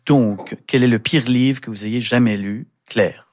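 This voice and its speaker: A man's voice: mid-range voice, unhurried, darkish tone. A male radio host interviewing a guest in an easygoing, joking way, with hesitant fillers.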